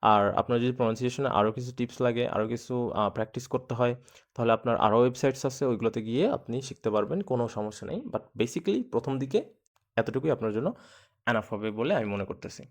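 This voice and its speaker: A man with an ordinary mid-range voice, whose first language is Bengali, gives an easygoing pronunciation lesson. He drills English words by saying them slowly over and over. Between the drills he adds chatty, informal explanations. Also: mid-range voice. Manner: repeats words slowly for drilling, conversational asides. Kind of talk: casual screen-share tutorial.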